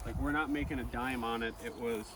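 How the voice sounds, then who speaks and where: A man's voice: mid-range voice, steady tone. Chatty man outdoors with noisy background. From Wisconsin. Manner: chatty, quick asides. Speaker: auto shop vlogger. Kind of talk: casual walkaround chat. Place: outdoor junkyard lot. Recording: outdoor recording with clear background noise.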